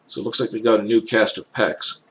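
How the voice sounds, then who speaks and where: Older man's deep, elderly-sounding voice, musing. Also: fairly even intonation, a bit bright, poor audio. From Canada. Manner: musing, hesitant, thinks aloud in halting phrases. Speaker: reaction video host. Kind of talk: casual off-the-cuff commentary. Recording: clear background noise.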